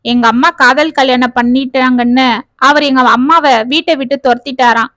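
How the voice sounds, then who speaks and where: A worried young working man, voiced by a woman reading the story, explaining his family's troubles earnestly. The voice sits high and close, with no room around it. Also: fairly even intonation, normal speed, pushed and bright, no room sound.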